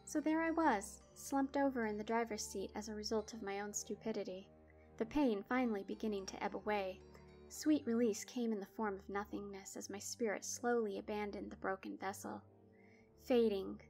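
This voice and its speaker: Woman reading a creepy first person story, wry and dramatic, bit of fry in her voice, soft music behind. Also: mid-range voice, normal speed. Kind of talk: scripted horror story narration.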